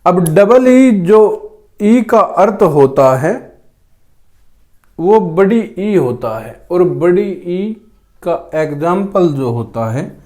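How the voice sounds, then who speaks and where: Guy teaching pronunciation, kinda sore throat, clears it a lot, slow, voice a bit high. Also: animated, dark tone. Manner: slow, repeats each word several times. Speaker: English grammar teacher. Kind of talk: spoken lesson to students.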